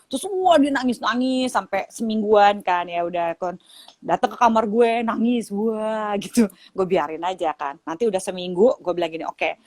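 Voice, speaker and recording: A woman's voice: mid-range voice, moderate pace, darkish tone, no echo. Middle-aged woman host, frank and chatty, very dry sound. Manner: frank and chatty, laughs often. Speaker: sexologist host. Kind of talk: casual chat on a livestream.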